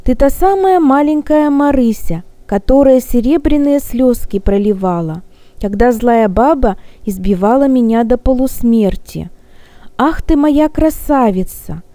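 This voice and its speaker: A woman's voice: on the high side, animated, a little slow, dark tone, no room sound. A woman voicing a kindly old male gnome who speaks gallantly and soothingly.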